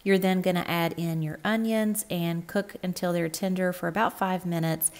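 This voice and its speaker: A woman's voice: lowish voice, fairly even intonation, moderate pace, a little mellow. Woman narrating a cooking video. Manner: friendly step-by-step instructions. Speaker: cooking channel host. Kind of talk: cook-along voice-over narration.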